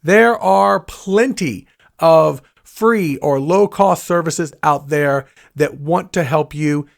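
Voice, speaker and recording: A man's voice: on the high side, slow, creaky, no echo. Earnest male podcast host, dry sound. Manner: earnest, pleading when giving the hotline. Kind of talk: interview and scripted announcements.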